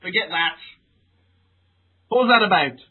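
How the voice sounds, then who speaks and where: A man plays it glum and deadpan in a comedy sketch, and his speech keeps tripping into stammers and restarts. His voice is notably high for a man. The recording is thin and phone-like. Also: a little slow, slightly rough. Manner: hesitant, stammering, mock-glum. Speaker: co-host. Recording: phone-like lo-fi sound.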